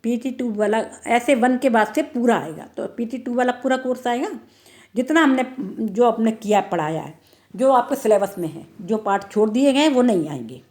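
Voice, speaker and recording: A woman's voice: on the high side, expressive, moderate pace, darkish tone. A woman teacher giving an online class lesson, explaining step by step and repeating each answer.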